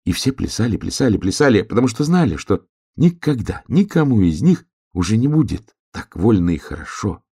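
A man narrating a children's story in an expressive, lilting reading. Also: lowish voice, fairly quick, husky.

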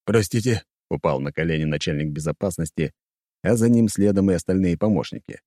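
A man narrating an audiobook in a measured storytelling voice. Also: low-pitched, dark tone, no room sound, clean studio sound.

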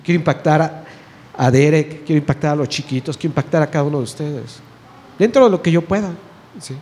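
A man giving an informal sermon, chatting with the audience, asking questions and answering them himself, and reading scripture slowly and emphatically. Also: a little high, a little mellow. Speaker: lay preacher. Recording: faint noise, long reverb in a hall.

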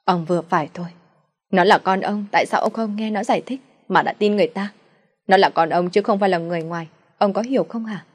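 A woman voicing a middle-aged mother who stands up to her violent husband, loud and raised in pitch. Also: steady tone, fast talker, breathy edge. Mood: defiant. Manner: pleading then shouting back. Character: long-suffering middle-aged mother, defiant.

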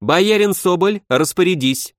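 A man's voice: sits high, animated, unhurried, no echo, pitched above the performer's own voice. A commanding young princess, put on by a male narrator, rules her court in a clipped, raised voice that rises and falls sharply. Each order comes out short and final. The sound is close and dry. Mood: stern. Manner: commanding, curt.

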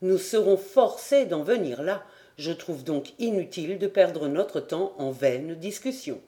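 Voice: mid-range voice, animated, a little slow, mellow, close to an everyday voice. An audiobook reader voicing a young male ship's captain who speaks earnestly and with some impatience. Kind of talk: audiobook character voice.

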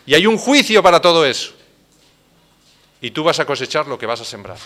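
Impassioned Spanish pastor with a bright voice. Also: male voice, a little high, sing-song, fairly quick. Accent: Spain Spanish. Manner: dramatic, swings between hushed and loud. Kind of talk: sermon.

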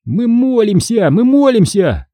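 A man's voice: high-pitched, sing-song, unhurried, warm tone, dry recording, studio quality, voice pushed up. A man voicing a nervous, eager young teenage boy in a horror audiobook. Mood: pleading.

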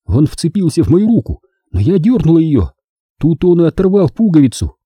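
A male reader voicing a husky, guilt-ridden woman who confesses in a tense, hushed way. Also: fairly high pitch, very animated, moderate pace, dry recording, pitched above the performer's own voice. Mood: confessing.

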